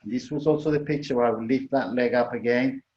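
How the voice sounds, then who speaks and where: A man's voice: medium pitch, quick pace, darkish tone, a little hiss or hum. A man instructing a yoga class in a conversational way, correcting himself as he demonstrates the moves. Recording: echoey room, dull muffled sound.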